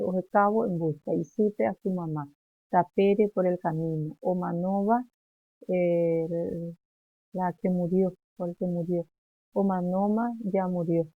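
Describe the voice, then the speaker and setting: A woman from Paraguay teaching a primary school lesson, speaking slowly and haltingly, with many fillers and restarts. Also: on the low side, no echo. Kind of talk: classroom lesson. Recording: tinny phone-like line.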